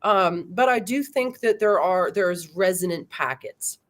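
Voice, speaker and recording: A middle-aged woman talks as an interview guest in a loose, animated way. Her pitch swings widely as she goes, and she laughs often, tossing in "you know" and "right?" between her points. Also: measured pace. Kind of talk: casual conversational interview.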